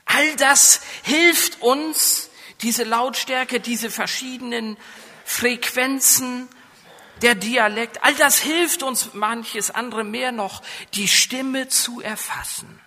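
This sermon comes from a pastor with a northern German coastal accent, recorded on a microphone amid church hall reverb. He speaks slowly in a very high-pitched, pushed, bright voice whose intonation stays fairly even. He keeps asking the congregation questions and works up to raised, emphatic stretches.

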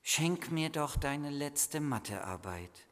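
Man doing a calm, soft-spoken child Jesus, very slow, in a reverberant hall. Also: on the high side. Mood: gentle.

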